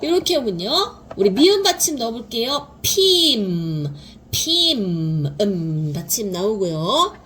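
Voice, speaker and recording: A woman teaching beginner English phonics, sounding out each word slowly and repeating it. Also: on the high side, big pitch swings, a little hiss or hum. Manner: drawn-out repeated sounding of words. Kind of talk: slow explanatory teaching.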